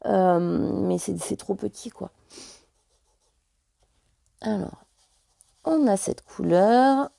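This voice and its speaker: A French woman talks casually to her viewers, pausing often and filling the gaps with hesitant fillers. Her mid-pitched voice is mellow and has a gravelly edge, recorded close and dry with no room sound. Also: expressive, no room sound. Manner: chatty, hesitant with many fillers. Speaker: vlogger. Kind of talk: casual chat.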